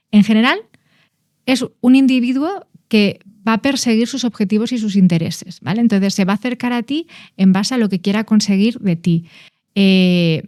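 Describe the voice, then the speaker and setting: A woman's voice: medium pitch, dark tone, dry recording, clean studio sound. A woman who is a guest on a podcast, explaining nonverbal communication in a conversational way and stressing key words with frequent restarts. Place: podcast studio.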